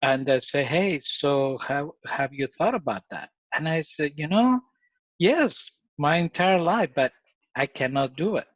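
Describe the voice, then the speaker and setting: A man from Ecuador whose first language is Spanish tells his story at an easy pace, pausing on fillers and laughing freely. His voice sits fairly high for a man. The sound is dry and a bit dull. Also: dry recording. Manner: relaxed, many fillers, laughs easily. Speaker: guest. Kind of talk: casual storytelling interview.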